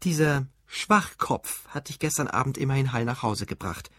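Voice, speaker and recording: A composed, cutting young wife in an audiobook, as a man puts her on, pitched a little higher than his own voice. She speaks matter-of-factly in a husky, dry voice. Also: lively intonation, a little fast, no echo, full character voice. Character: calm, sarcastic young wife and mother.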